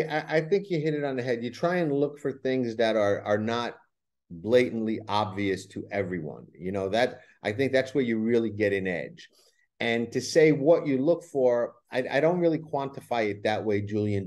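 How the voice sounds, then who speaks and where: A man's voice: medium pitch, normal speed, darkish tone. A man with a Brooklyn New York accent, speaking as a guest in a conversational podcast interview, often repeating words as he explains. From New York, USA. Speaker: horse racing handicapper, interview guest.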